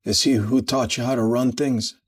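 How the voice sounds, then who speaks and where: A young heir returned to defend his parents, played by a man. His mid-pitched voice is firm and commanding, cold toward his enemies. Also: fairly even intonation, moderate pace, natural voice.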